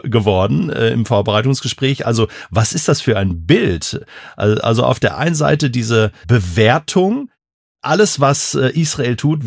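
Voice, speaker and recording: A man's voice: mid-range voice, vocal fry, no echo. Podcast host man, dry close sound. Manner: hesitant, friendly, many fillers. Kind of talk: conversational podcast moderation.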